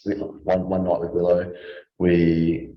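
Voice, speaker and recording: A man hosts a podcast in a loose, casual way, circling back and restarting his sentences. His voice sits very low. The sound is roomy and a little dull. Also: monotone, takes it slowly. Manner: rambling, restarts, anecdotal. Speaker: podcast host. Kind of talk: casual chat.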